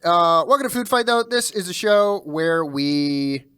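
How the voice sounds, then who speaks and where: A young man hosting a casual, jokey food review show, quick to laugh. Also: high voice, lively intonation, fairly bright tone, clear, resonant tone. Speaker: podcast host. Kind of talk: casual comedic chat.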